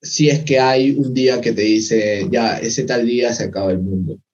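With a mid-range, darkish voice that has a breathy edge, this young podcast co-host talks at a moderate pace with fairly even intonation. His casual chat rambles, full of slang and pauses as he searches for words, all captured in dull lo-fi audio.

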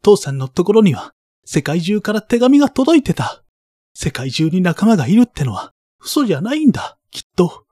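A man's voice: high voice, sing-song, moderate pace, warm tone, husky, no echo, clean studio sound, pitched above the performer's own voice, exaggerated voice. A man voicing a distressed young boy who demands answers in a raised, pleading voice.

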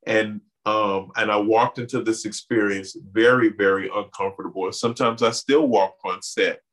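This is an interview conversation with a Bahamian-born, Miami-raised artist and community organizer. He speaks at a fairly low pitch and a moderate pace, telling stories animatedly with plenty of "you know."

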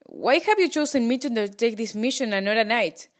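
A woman's voice: fairly high pitch, animated, a little fast, natural voice. A woman reading aloud, voicing an eager, humble young squire in a storybook. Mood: earnest. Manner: earnest, respectful.

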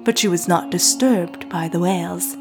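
A woman narrating a classic novel in a soft, hushed reading voice. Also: on the low side, measured pace, over music. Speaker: audiobook narrator.

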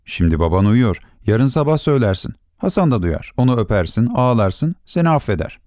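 A man voicing a gentle female house servant in an audiobook story, speaking softly and soothingly. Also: mid-range voice, sing-song, a little fast, dry recording, studio quality, lightly acted. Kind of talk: audiobook character voice.

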